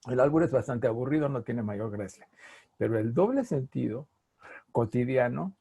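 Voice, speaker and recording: A middle-aged man with a Mexican accent, a linguist being interviewed, talking in a playful, animated way. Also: medium pitch, normal speed, creaky, husky, dry recording. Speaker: linguist guest. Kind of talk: conversational interview.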